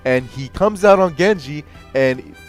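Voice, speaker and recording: A man's voice: a little high, expressive, a little slow, faint music behind. A man delivering an escalating comedy rant as a gaming streamer, sarcastic and exasperated, with emphatic swearing. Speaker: gamer, streamer. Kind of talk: escalating comedy rant about a video game, profane.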